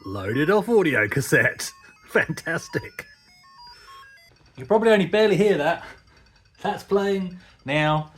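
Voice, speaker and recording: A man giving casual, excitable commentary as he plays a retro computer game, laughing often and thinking aloud. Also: a little high, measured pace, pauses often, breathy edge, faint music behind.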